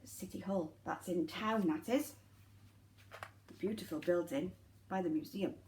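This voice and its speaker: The audio is poor and carries slight background noise as a woman with a voice on the low side reads a children's story at a measured pace. An animated, dramatic nursery teacher, she speaks to the children directly in asides.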